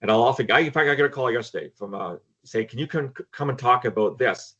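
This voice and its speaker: Guesting on a casual panel, an older former intelligence analyst from Canada talks fast in a medium-pitched, fairly bright voice. Frank and emphatic, he tends to repeat words when beginning, and the sound is lo-fi.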